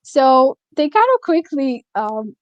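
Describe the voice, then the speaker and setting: A native Slovak woman with a Slovak accent touched by Nova Scotian, talking casually and reflectively as an interview guest, often pausing to find her words. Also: high voice, big pitch swings, dry recording, dull audio. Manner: reflective, halting, searching for words. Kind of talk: casual conversational storytelling.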